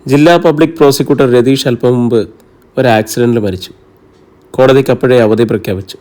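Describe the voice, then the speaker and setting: A man's voice: mid-range voice, a little fast, a little mellow, lightly acted. A man voicing a serious middle-aged lawyer and father in a novel reading. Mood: matter-of-fact. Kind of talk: audiobook character reading.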